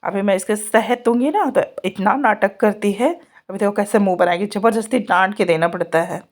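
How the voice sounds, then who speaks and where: A woman's voice: medium pitch, normal speed. A woman in her thirties, a mother chatting casually in a home vlog while she gets her children ready, laughing often. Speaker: vlogger mother.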